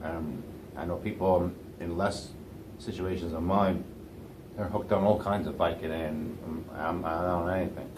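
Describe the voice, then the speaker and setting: A man's voice: deep voice, fairly even intonation, moderate pace, a little mellow, low-quality recording. A man, a Marine veteran, talking in a plain-spoken, determined way in an interview. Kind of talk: casual interview talk. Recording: clear background noise.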